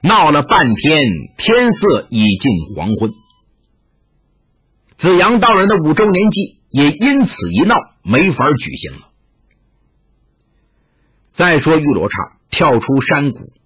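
A man narrating a martial-arts tale with dramatic, animated delivery. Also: a little high, breathy edge. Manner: animated, rising and falling with the action. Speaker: storyteller. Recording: muffled lo-fi recording.

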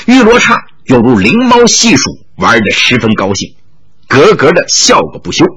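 A man's voice: medium pitch, huge pitch swings, normal speed, fairly bright tone, slightly rough. A man narrating a martial arts novel in a dramatic, vivid storytelling style.

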